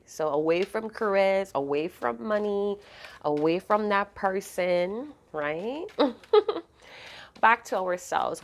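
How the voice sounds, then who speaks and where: A woman with a slightly low voice talks her viewers through a spiritual reading. She sounds sleepy, and her delivery is soft and unhurried, with frequent little self-corrections along the way. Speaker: astrology and tarot reader.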